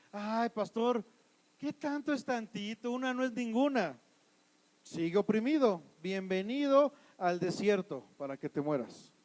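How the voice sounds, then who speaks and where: A Mexican pastor preaching a sermon in church, asking the congregation questions and answering them, shifting between loud emphatic lines and quiet asides. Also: male voice, extremely high pitch, low-quality recording. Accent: Mexican Spanish.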